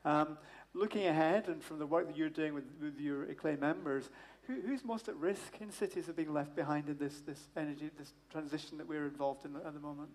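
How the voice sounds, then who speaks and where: Middle-aged male moderator, slightly higher voice, conversational questions. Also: brisk, hardly any pauses. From Scotland. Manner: conversational, asks long framing questions. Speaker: panel moderator. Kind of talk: moderating a panel discussion. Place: stage in a large hall. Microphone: handheld mic.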